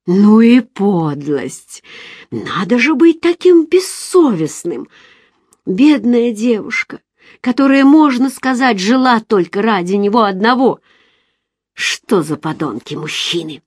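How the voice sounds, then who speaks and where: A woman reader voicing an excitable, gossipy young woman friend who talks loudly in exclamations. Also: mid-range voice, slow pace, breathy edge, no echo, studio quality, full character voice. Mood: indignant. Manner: loud, exclamatory, emphatic.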